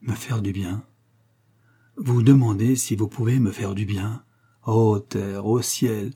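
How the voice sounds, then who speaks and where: A man voicing a smooth-talking young preacher in prison in an audiobook, speaking in an unctuous, fervent manner. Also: on the low side, steady tone, slow pace, warm tone. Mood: hushed. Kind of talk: audiobook character reading.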